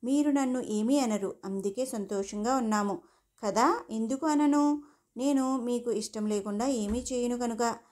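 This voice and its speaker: Woman playing a gentle young wife. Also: a little high, a little slow, natural voice. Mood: earnest.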